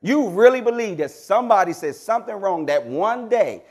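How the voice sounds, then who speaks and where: A pastor delivers a call-and-response sermon in a church. His voice sits high and swoops animatedly from line to line. He moves between loud, emphatic questions to the congregation and quiet, low asides. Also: animated, moderate pace.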